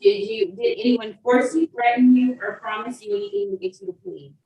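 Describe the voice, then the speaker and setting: A woman's voice: a little high, very animated, a little fast, creaky, mellow. A woman presiding as a judge, formally putting procedural questions in a polite, formulaic way. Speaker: judge presiding over court. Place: remote court hearing, indoor room. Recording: echoey room sound.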